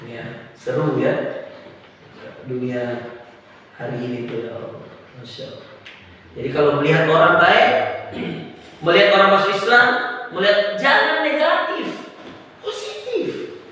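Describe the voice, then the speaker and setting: A man preaching in a fairly high voice, flipping between loud outbursts and quiet murmurs. He sounds far from the mic in a big mosque hall that echoes heavily, with a faint hiss underneath. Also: measured pace, pauses often. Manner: lively, swings between loud exclamations and hushed asides. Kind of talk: sermon.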